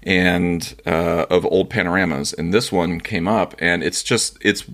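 Absent-minded man, deep creaky voice. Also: steady tone, measured pace, fairly bright tone. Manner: absent-minded, scattered, loses his train of thought. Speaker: podcast host interviewing a guest. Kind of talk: casual conversational interview.

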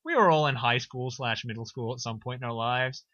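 A young man casually recapping a film on a podcast, sarcastic and animated, slipping into silly voices. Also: medium pitch, a little fast, no echo. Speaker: podcast co-host. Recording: dull lo-fi dry recording.

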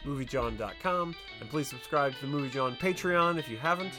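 A man's voice: medium pitch, brisk, music in the background. A man hosting a podcast in a casual, joking, conversational style. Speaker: podcast host. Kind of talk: casual comedic chat.

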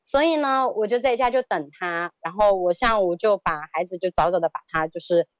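A woman's voice: medium pitch, a little fast, dry recording. A woman in her thirties telling a personal story as an interview guest, hesitant, often repeating words and laughing.

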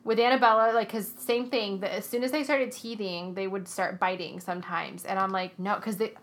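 A woman's voice: medium pitch, steady tone, a little fast. A young woman co-hosting a casual podcast, a mother chatting frankly and laughing often. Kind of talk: casual chat.

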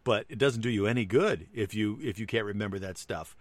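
A man's voice: lowish voice, brisk, no echo. A man co-hosting a casual tech chat, chatty and wry, often laughing at his own examples. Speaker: tech podcast co-host.

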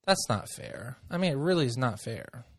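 A man's voice: medium pitch, lively intonation, moderate pace, no echo, studio quality. A man hosting a casual chat, gushing and rambling, often trailing off mid-sentence.

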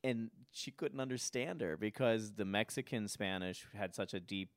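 A low-pitched man hosts a relaxed conversation and tells stories at length. The recording is close and dry, with no room sound behind him. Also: normal speed, no echo. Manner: storytelling, talks in long runs. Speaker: podcast host. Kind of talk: casual chat.

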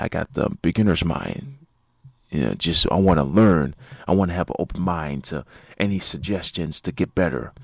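A man with a deep, creaky, somewhat mellow voice hosts his own podcast as a martial arts instructor, with no room sound on the recording. Sleepy and yawning, he talks casually on his own and rambles with many fillers and restarts.

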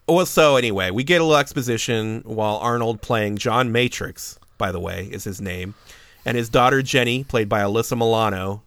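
A podcast co-host with a fairly low, gravelly and slightly bright voice recaps a film in casual movie-review chat. He's wry and joking, laughing often, and the recording has no room sound.

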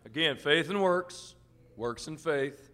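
A man's voice: a little high, expressive, slow pace, a bit bright. A man reading scripture aloud as a supporting voice in a church sermon. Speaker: scripture reader and responder.

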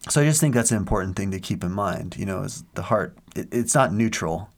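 An earnest man talks through matters of faith in a casual chat, with a fairly low voice. He wanders into stories, pausing on fillers and restarting his sentences as he goes. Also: lively intonation. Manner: earnest, rambling storyteller with many fillers.

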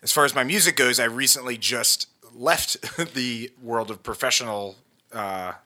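A man's voice: mid-range voice, moderate pace, pushed and bright. A man in his thirties talking casually as a podcast guest, easygoing and self-deprecating. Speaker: podcast guest, musician and photographer. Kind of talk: casual interview chat. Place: living room.

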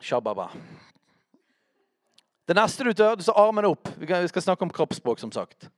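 Lively man teaching worship. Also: high-pitched, dry recording, clean studio sound. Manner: lively, addresses listeners directly with questions. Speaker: preacher.

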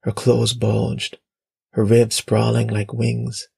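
Audiobook brief: male author narrating, low, gravelly, measured. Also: monotone, darkish tone, no room sound, clean studio sound. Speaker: author reading his story.

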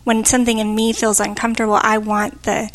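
A woman's voice: on the high side, monotone, fairly quick. A woman co-hosting a podcast, talking in a thoughtful, searching way with frequent fillers. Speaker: podcast co-host. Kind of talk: reflective conversational chat.

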